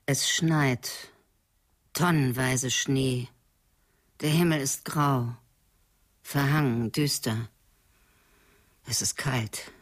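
An actress in a radio play voicing a young housemaid's slow inner monologue, at times breaking into agitated outbursts. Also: female voice, extremely low pitch, exaggerated voice. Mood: brooding. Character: young housemaid, frightened and frayed. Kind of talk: radio drama narration.

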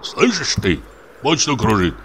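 A man's voice: mid-range voice, very animated, measured pace, fairly bright tone, slight background noise, pitched above the performer's own voice. A man voicing a superstitious village church sexton who grumbles, whines and hurls accusations. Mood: frantic accusing. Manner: whining, accusing and frantic.

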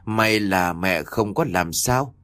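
A man voicing an apologetic middle-aged daughter-in-law speaking softly in a spoken horror story. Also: low voice, slow, no room sound, clean studio sound. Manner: apologetic, soft.

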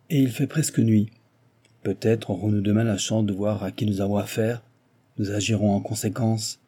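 A man reading voicing an impulsive young Frenchman, eager and quick to act. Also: fairly low pitch, mellow, husky.

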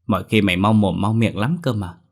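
A man's voice: lowish voice, fairly quick. A man voicing a young male exorcist in his thirties, anxious and blunt, in a storybook reading. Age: 30s.

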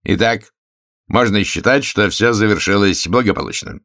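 A man voicing a self-assured gentleman who speaks calmly and with authority. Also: lowish voice, dry recording, studio quality, pitched above the performer's own voice. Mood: satisfied. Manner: calm, measured, commanding.

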